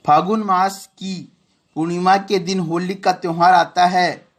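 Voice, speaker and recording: Reading a poem slowly and melodiously before restating each line in simple terms, a male primary school teacher explains it line by line. His voice is high-pitched with a flat delivery, and he corrects himself as he goes.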